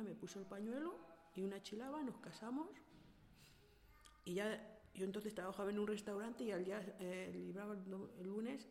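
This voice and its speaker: A woman's voice: mid-range voice, dark tone, in a large hall. A middle-aged woman with a Spanish accent from Spain, telling her personal story in a casual interview, earnest and direct, acting out past conversations.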